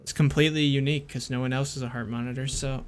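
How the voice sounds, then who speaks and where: A man's voice: mid-range voice, steady tone, fast. A young man from Canada, chatting casually, giving firm opinions and explaining things. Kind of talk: casual chat.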